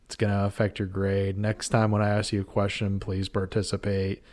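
A strict male professor lectures his class in a firm, measured tone, reminding them their grades are at stake, as a man plays him. His voice sits somewhat low. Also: monotone, a little mellow, close to an everyday voice. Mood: stern. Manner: stern, lecturing. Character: stern male college professor.

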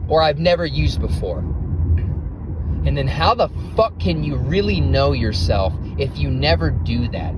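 A man hosting a podcast, talking to himself in a car, recorded as low-quality phone audio. He speaks intensely and swears a lot, firing off rhetorical questions. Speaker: podcast host. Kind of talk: motivational self-talk monologue. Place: inside a car while driving. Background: car road noise.

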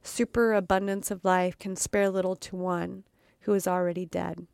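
A woman's voice: lowish voice, level tone, moderate pace, creaky, a little mellow, smooth, no room sound, clean studio sound. A woman putting on a tormented vampire count. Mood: anguished.

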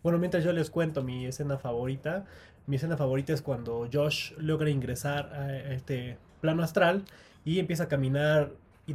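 A man's voice: fairly high pitch, darkish tone. A man hosting a casual film podcast, steering the segment and recounting a favorite scene at length. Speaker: podcast host. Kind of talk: casual movie discussion.

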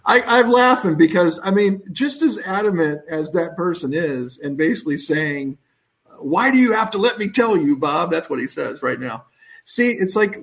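A man with a notably high voice co-hosts a casual live stream. He rambles in an amused, chatty way. His talk drifts as he reacts to viewers. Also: vocal fry, a bit bright.

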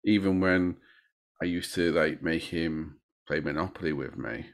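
Man, co-host, very low voice, gravelly, rambling casual chat. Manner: halting, rambling with restarts. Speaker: podcast co-host.

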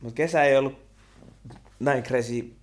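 A young man, co-hosting a podcast and telling stories in an animated, slangy casual chat. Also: medium pitch. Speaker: podcast co-host.

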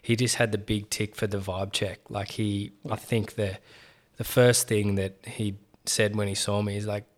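A man's voice: fairly low pitch, little pitch movement, normal speed. A young man co-hosting a podcast, chatting in an easygoing, slangy way and restarting his words often. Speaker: podcast co-host. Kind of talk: casual podcast chat.

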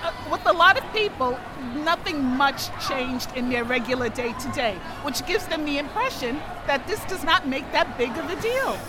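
A woman gives a thoughtful, explanatory answer in a street interview. Her voice is high. Crowd noise and music fill the background. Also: lively intonation, normal speed, few pauses, poor audio. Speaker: marcher interviewed.

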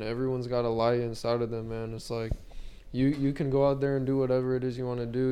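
A man's voice: medium pitch, mellow, smooth. A young man in a casual podcast chat, talking in an earnest, rambling, slangy frat-bro way. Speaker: podcast host.

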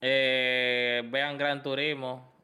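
Smooth-voiced Dominican man chatting about games. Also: medium pitch, flat delivery, drawn-out words, sharp tone. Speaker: podcast panelist. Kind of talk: casual gaming chat.

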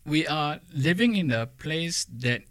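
Casting: male guest, Singaporean accent, slightly high voice, reflective and halting Singlish-tinged talk, dry sound. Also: expressive, a bit bright, no echo. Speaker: poet, guest.

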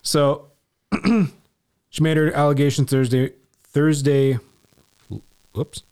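A man's voice: fairly high pitch, little pitch movement, takes it slowly, a little mellow, clean tone. A man co-hosting a podcast in casual chat, rambling and profane, restarting his sentences. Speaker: podcast co-host.

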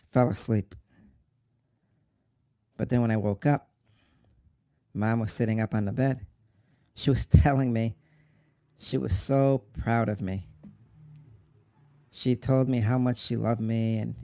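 An actor playing a grieving young man who talks in a slow, halting, tearful way about his mother. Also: mid-range voice, warm tone, dry recording, clean studio sound, lightly acted. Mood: tender. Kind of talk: dramatic monologue.

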